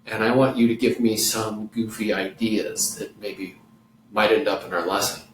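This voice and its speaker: A man teaching an online children's music lesson, leading slow, patient call-and-response. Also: on the low side, fairly even intonation, recorded from a distance, slight background noise. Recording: echoey room with guitar playing.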